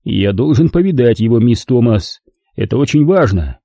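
A man voicing a cool male commando in an audiobook, terse and low-key, close to his own voice. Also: expressive, moderate pace, vocal fry, dark tone, no echo. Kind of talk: audiobook character voice.

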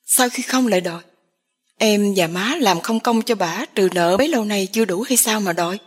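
A woman voicing a poor young village man, agitated and despairing, in a breathy voice. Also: medium pitch, normal speed, natural voice. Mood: alarmed angry.

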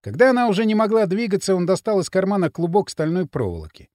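A man's voice: high voice, very animated, quick pace, darkish tone, no echo. Male narrator, dramatic audiobook reading, dry close sound. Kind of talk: scripted narration.

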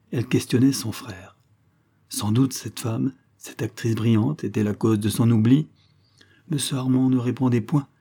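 A man narrating a nineteenth-century short story in a measured, expressive reading. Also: medium pitch, breathy edge. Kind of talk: literary audiobook narration.

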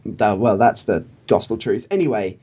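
A man's voice: fairly low pitch, lively intonation, moderate pace, warm tone, slight background noise. A man co-hosting a podcast in casual, joking chat with his co-host, often laughing. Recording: dull lo-fi audio.

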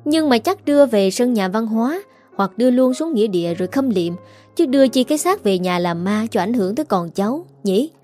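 A woman voicing a sharp-tongued village gossip who talks in a scornful, mocking way. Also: on the high side, animated, brisk, soft background music.

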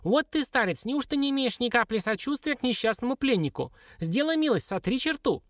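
A man reading an audiobook, voicing a sly, whiny little dwarf with a piercing, squeaky screech. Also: very animated, a little fast, a bit bright, no echo, clean studio sound, exaggerated voice. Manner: wailing, pleading and cursing by turns. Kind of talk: audiobook character voice.

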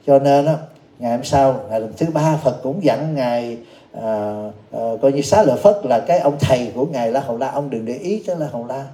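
A Buddhist monk gives a storytelling dharma talk. His voice is very dark and mellow, and he acts out each character. The talk echoes through a roomy temple hall. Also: mid-range voice, brisk.

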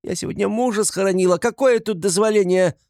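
A shrill, frantic woman in desperate hysterics, as a male reader puts her on, her voice leaping high and loud. She scolds and wails in turn. The recording is dry and close. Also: unhurried, gravelly, no room sound. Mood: hysterical.

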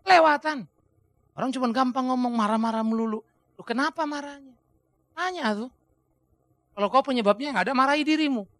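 A man preaching a topical sermon. He swings between loud outbursts and quiet asides and keeps asking the congregation rhetorical questions. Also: very high-pitched, brisk, long pauses, dry recording.

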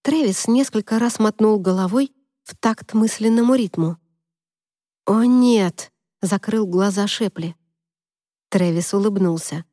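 A woman narrating a novel in the first person, in an even, measured storytelling voice. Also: mid-range voice, no room sound, clean studio sound. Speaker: audiobook narrator.

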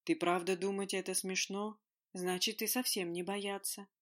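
A woman voicing a naive, friendly female dragon who asks wondering questions slowly in broken grammar. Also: mid-range voice, little pitch movement, a bit bright, close to an everyday voice. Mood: curious.

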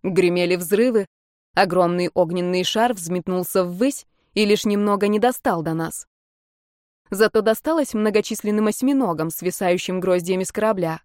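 Female audiobook narrator, measured, expressive, dry close sound. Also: mid-range voice, no room sound. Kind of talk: first-person audiobook narration.

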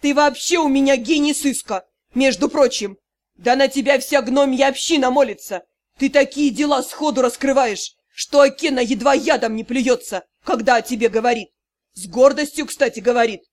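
A woman reading an indignant young male gnome detective who scolds in a loud, exasperated, theatrical rant. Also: sits high, moderate pace, natural voice. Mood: scolding. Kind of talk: audiobook character reading.

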